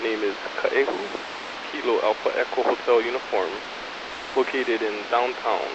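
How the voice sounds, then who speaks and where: A man's voice: mid-range voice, fairly even intonation, moderate pace. A man, a ham radio operator, checking in on the air with clipped call-sign procedure and phonetic spelling, heard through a two-way radio with static. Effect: received over a two-way radio through heavy static. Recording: muffled radio transmission, loud static hiss.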